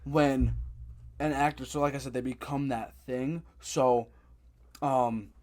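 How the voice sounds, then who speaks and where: A man in his twenties hosting a podcast, rambling and animated as he retells scenes, swearing freely. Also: medium pitch, takes it slowly. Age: 20s. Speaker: podcast host. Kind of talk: casual chat.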